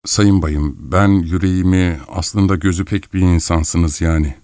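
Audiobook: a man playing a fussy, pleading older gentleman, low and slow. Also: steady tone, no room sound, clean studio sound. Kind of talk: audiobook reading.

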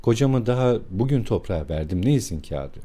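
A man voicing a proud, desperate widowed mother who speaks in a shrill, frantic, theatrical way. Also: expressive, a little fast, mellow.

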